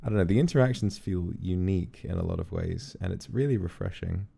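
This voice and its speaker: A man's voice: sits low, fast, creaky, dark tone, breathy edge. A man chatting casually as a streamer, reacting to a film. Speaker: streamer hosting a film watch-along.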